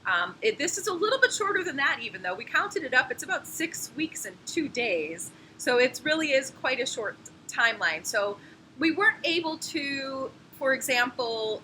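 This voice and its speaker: An anatomy and physiology professor, a woman with a slightly high, bright and forceful voice, walks through course logistics in a course introduction video. She's friendly and explanatory, laughing now and then; the recording is rough with slight background noise.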